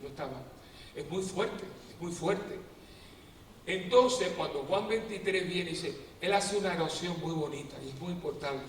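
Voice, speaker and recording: Priest, high-pitched and lively, preaching in a big echoey hall, mic far off. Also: male voice, moderate pace. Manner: animated storyteller, acts out quotes with humor. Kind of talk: lively preaching talk to a prayer group. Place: parish prayer assembly hall. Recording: echoey hall, distant mic, faint noise.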